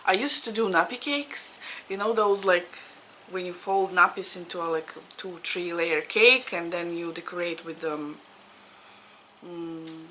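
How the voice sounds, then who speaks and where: This woman's voice sits on the low side, unhurried and sharp, over a rough recording with a little hiss or hum. She's a Latvian needlework vlogger in her thirties whose native language is Russian, talking casually to camera at home in Ireland, often laughing and hunting for words.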